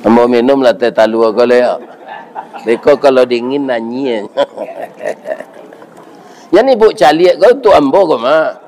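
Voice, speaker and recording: A middle-aged man preaching a sermon with a Minangkabau accent, lively and joking, who keeps asking his listeners for agreement. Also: medium pitch, measured pace, pauses often.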